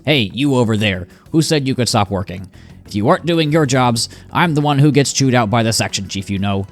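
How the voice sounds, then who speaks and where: A man's voice: mid-range voice, animated, brisk, faint music behind, pitched below the performer's own voice, close to an everyday voice. A man voicing a put-upon male robot clerk who whines and grumbles about his boss, reading game dialogue aloud. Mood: grumbling. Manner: whiny, complaining.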